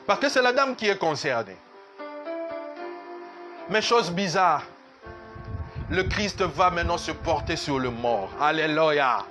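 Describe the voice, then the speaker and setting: A man's voice: fairly high pitch, lively intonation, slow, pauses often, music in the background. A man pastor, preaching a sermon at a church service in an emphatic, repetitive way that slips into sung lines.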